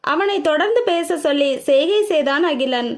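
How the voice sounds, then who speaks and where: A woman narrating a novel aloud in a steady storytelling read. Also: high-pitched, moderate pace. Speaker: audiobook narrator. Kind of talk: scripted narration.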